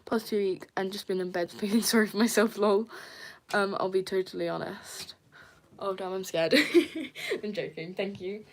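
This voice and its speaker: Soft-spoken young woman chatting on a livestream. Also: mid-range voice, steady tone, normal speed, a little hiss or hum. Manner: soft, hesitant, many fillers, giggly. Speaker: livestreamer reading viewer comments. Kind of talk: casual live-stream chat.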